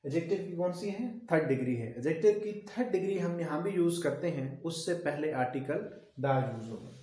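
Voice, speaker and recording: A man's voice: on the high side, lively intonation, fairly quick, dark tone. Echoey man teaching grammar step by step. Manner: explains step by step, asks questions and answers them himself. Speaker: English teacher. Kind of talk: classroom grammar lecture. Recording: very echoey room.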